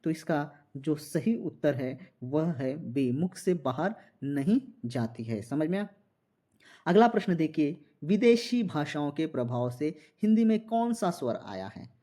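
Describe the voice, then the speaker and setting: A man's voice: a little high, expressive, unhurried, warm tone. A man teaching a Hindi exam-prep lesson, explaining step by step and often asking the students if they follow. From India. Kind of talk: classroom MCQ lesson.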